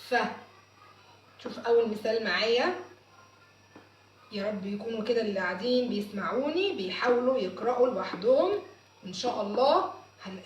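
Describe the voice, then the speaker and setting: A woman with an Egyptian Arabic accent teaching a phonics lesson, sounding out letters slowly and repeating each word. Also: fairly high pitch, a little hiss or hum. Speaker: English teacher. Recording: echoey room, mic far off.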